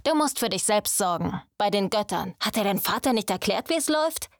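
A woman voicing a domineering young male thief mentor who scolds his apprentice with a raised, forceful voice. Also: medium pitch, expressive, fairly quick, dry recording, studio quality, close to an everyday voice. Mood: berating. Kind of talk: audiobook character voice.

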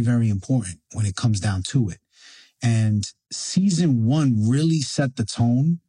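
A man's voice: medium pitch, mellow, breathy edge. A man hosting a podcast in casual live chat, informally slipping Spanish phrases into his English. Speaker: podcast host.

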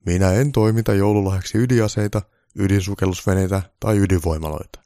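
A man voicing a calm, blunt old Santa Claus who speaks firmly and matter-of-factly, louder and a bit higher than his own voice. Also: dry recording, lightly acted. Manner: dry, matter-of-fact, firm.

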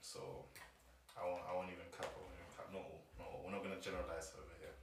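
A man's voice: low-pitched, level tone, rapid-fire, creaky, distant mic, background noise. A young man with a London roadman accent, bantering casually in slang and repeating phrases for emphasis. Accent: London roadman, multicultural London English. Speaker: podcast co-host. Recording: very echoey room, off-mic.

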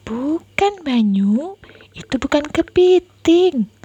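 A woman doing a calm, bright big sister. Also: sits high, slow pace, lo-fi sound, pitched above the performer's own voice, full character voice. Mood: soothing. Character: calm, reassuring older sister.

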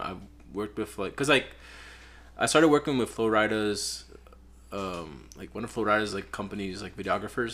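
A man with a fairly low voice, a photographer in his twenties from Peru, chats casually during a podcast interview amid slight background noise. He rambles in a relaxed way and leans heavily on "like."

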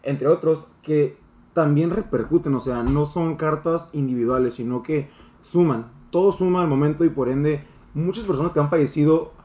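A man's voice: a little high, moderate pace, dark tone. Young Mexican man explaining, echoey room. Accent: Mexican Spanish. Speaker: host. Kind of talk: casual podcast discussion.

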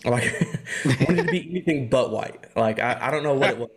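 A man's voice: medium pitch, normal speed, breathy edge. A young man co-hosting a casual podcast chat, laughing often and filling his talk with "like.". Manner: laughs often, chatty with frequent "like" fillers. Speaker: podcast co-host.

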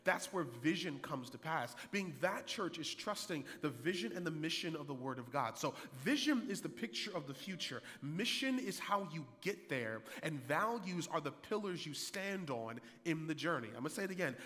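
A man preaches with energy, his bright, forceful voice climbing higher and louder whenever he drives a point home. He sits a little high for a man, and a long hall reverb trails every phrase. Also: normal speed, few pauses. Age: 30s. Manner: energetic preaching, rising loud and high for emphasis, repeats key lines. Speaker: pastor. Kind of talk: sermon.

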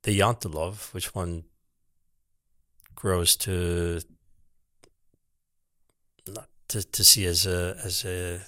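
Low-voiced reflective man. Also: little pitch movement, pushed and bright, dry recording. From United States. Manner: reflective, halting, many restarts. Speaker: guest, sculptor. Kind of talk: casual podcast conversation.

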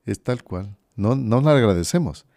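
A priest speaks in a low, mellow voice on a podcast, reflective and conversational. The sound is dry and close, with no room around it. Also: male voice, lively intonation, normal speed, no room sound. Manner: reflective, conversational, often asks "¿no?".

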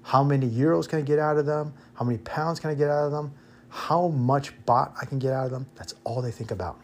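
This expat podcast host, an American and native English speaker, talks fairly quickly in a mid-range, a little mellow voice with fairly even intonation. His informal monologue offers frank, opinionated advice, and he repeats himself for emphasis.

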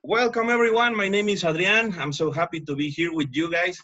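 A man's voice: sits high, brisk, pushed and bright, highs cut off, soft background music. A man hosting a casual podcast, speaking hesitantly with frequent restarts. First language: Spanish. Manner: hesitant, restarts often in English. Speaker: podcast host.

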